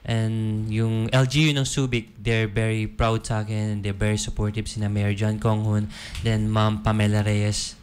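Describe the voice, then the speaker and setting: A man's voice: on the low side, moderate pace, few pauses, slight background noise. A young man with a Filipino accent, a pageant titleholder guesting on a radio show, speaking politely in mixed English and Tagalog. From Philippines. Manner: polite, flat and even, uses po. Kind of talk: casual radio interview.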